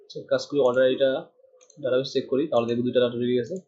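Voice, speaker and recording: Racing through a screen-recorded coding lesson, a Bangladeshi tutor thinks aloud while typing and mixes English terms into his speech. His voice sits in the mid range, darkish in tone with little pitch movement, and the sound quality is dull and lo-fi.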